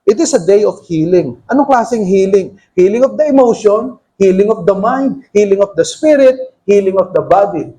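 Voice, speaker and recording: A middle-aged man delivers a sermon in a notably high voice. He is emphatic, and he often pauses to ask the congregation whether they follow him. He reads scripture aloud. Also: lively intonation, dark tone, poor audio. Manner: emphatic, repeatedly checks that listeners understand. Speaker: pastor. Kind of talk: bilingual sermon with scripture reading.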